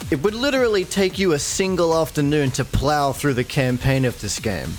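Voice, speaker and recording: A young man narrating a casual scripted video game review in a slangy, profane, dryly joking way. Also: mid-range voice. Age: young adult. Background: faint music.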